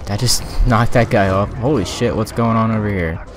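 Frustrated low-voiced man gaming. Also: normal speed, noisy background. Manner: frustrated muttering and swearing. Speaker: let's play gamer. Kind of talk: casual gameplay commentary.

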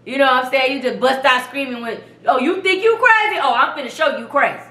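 Young woman vlog host, bright, high-ish voice, profane and emphatic storytelling, echoey room. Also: quick pace. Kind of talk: casual storytelling rant.

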